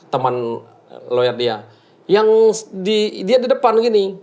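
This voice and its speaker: A man, recounting his story in a casual interview, halting and full of restarts. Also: high voice, big pitch swings, darkish tone. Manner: halting, full of restarts, acts out quoted speech.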